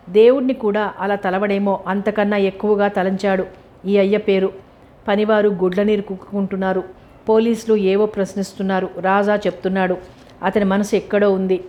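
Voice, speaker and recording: A woman reading a novel aloud in a steady, expressive storybook narration. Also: medium pitch, muffled recording. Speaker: novel reader.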